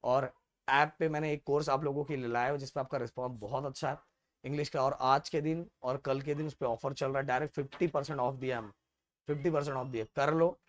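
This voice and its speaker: A man's voice: medium pitch, fairly even intonation, fast, no echo. A man coaching students for exams, emphatic, repeating key phrases and often checking that they follow. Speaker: teacher. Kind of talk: exam strategy talk to students.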